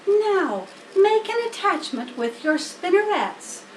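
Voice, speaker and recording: A woman's voice: very high voice, big pitch swings, slow, voice pushed up, heavily acted. A woman voicing a wise, matter-of-fact female spider in a storybook, patiently instructive and a little wry. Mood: coaching. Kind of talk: storybook character voice. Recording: roomy, distant mic, faint noise.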